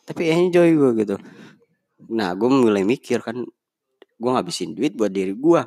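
A man's voice: medium pitch, expressive, normal speed, dark tone, dry recording. Young man in dry casual banter. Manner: laughs often, mixes in English words. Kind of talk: casual chat.

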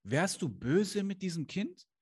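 A man with a high-pitched voice talks to camera as a life coach. He is earnest and direct, firing off rhetorical questions and sprinkling in Islamic phrases. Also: sing-song, a little slow, darkish tone, breathy edge. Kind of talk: motivational coaching talk to camera. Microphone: camera he adjusts himself.

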